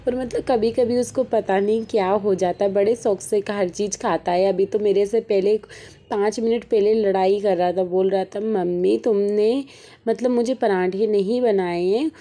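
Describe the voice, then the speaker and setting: A woman's voice: mid-range voice, steady tone, normal speed, dark tone. A young woman with a Malwi Hindi accent, narrating her day at home in a chatty, rambling vlog style, sounding tired. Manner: chatty, homely, rambling with many fillers. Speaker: vlogger. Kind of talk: casual daily-life vlog narration. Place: home kitchen.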